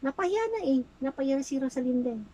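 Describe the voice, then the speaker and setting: A woman's voice: high-pitched, expressive, quick pace, dark tone, slight background noise, low-quality recording. A woman folk healer interrogating a spirit during an exorcism, insistently repeating short questions.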